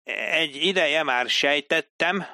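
A meek middle-aged clerk who hesitates and defers at every turn, pitched high and slow, as a male narrator puts him on. The voice is bright and close, with no room sound. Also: dry recording. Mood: deferential.

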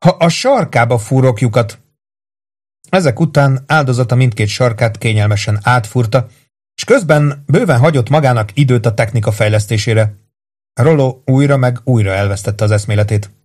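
A man reading a crime thriller audiobook in a steady, even narrating voice. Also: medium pitch. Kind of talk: scripted narration.

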